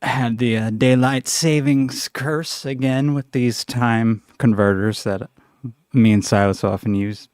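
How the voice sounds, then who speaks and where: A man hosting a casual livestream chat over a video call, relaxed and halting with fillers. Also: mid-range voice, no echo, studio quality. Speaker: host.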